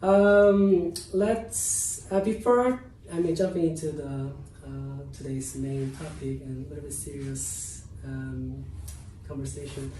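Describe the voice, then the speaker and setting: Host, halting, filler-heavy, off-mic in an echoey room with noise. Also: medium pitch, mellow. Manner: halting, many fillers and restarts. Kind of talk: panel talk. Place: event room. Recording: roomy, distant, noisy.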